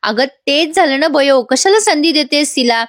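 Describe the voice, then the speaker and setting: A woman's voice: sits high, lively intonation, normal speed, no echo, studio quality, pitched above the performer's own voice. A woman voicing an angry, middle-aged doctor father who scolds and pleads with his daughter while retelling a TV serial. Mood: upset.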